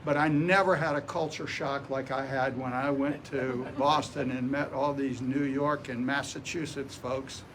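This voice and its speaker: Older man giving a relaxed talk. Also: medium pitch, measured pace, few pauses, background noise. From Portsmouth, Virginia. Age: 80s. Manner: relaxed, conversational, wry. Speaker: guest speaker. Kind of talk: public talk with personal stories. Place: library meeting room.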